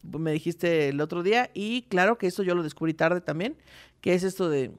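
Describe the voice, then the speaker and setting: A woman's voice: on the low side, a little fast. Mexican woman co-host, easy casual talk. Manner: agreeing, explaining, frequent laughter. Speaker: podcast co-host. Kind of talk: casual chat.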